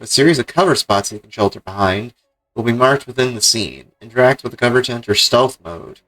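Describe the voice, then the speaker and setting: A man's voice: medium pitch, fairly bright tone, rough recording. A man streaming a game, mixing casual commentary with reading the on-screen text aloud.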